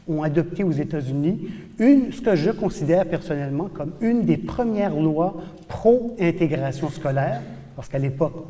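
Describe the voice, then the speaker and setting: A man from New Brunswick, Canada, giving an animated, emphatic university lecture as a professor in a lecture hall. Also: fairly high pitch. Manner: animated, emphatic explaining, repeats for stress. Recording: long hall reverb.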